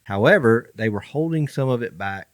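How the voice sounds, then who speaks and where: Southern man, mid pitch, casual podcast co-host reading scripture, dry close sound. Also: animated, moderate pace, no room sound. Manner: reads scripture aloud, stumbling now and then. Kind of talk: casual Bible study chat.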